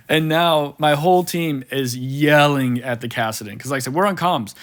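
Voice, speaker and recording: Narrating a replay of his own match, this man, a gaming coach, talks at normal speed in a voice on the high side. He's casual and lively, his speech full of fillers and words said twice.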